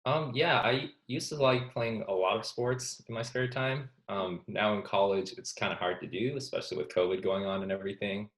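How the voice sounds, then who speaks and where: A young man from Canada answers questions as an interview guest, his voice sitting very low. He talks in a soft-spoken, easygoing way, often pausing with ums as he thinks. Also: fairly even intonation, poor audio. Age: young adult. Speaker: student athlete guest.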